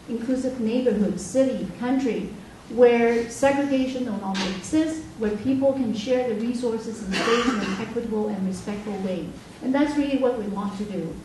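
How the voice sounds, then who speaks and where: A woman from Hong Kong giving an earnest, measured public speech at a forum, pausing often with fillers. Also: a little high, darkish tone, slight background noise. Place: meeting room. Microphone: far from the recording mic. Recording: echoey hall recorded from far off.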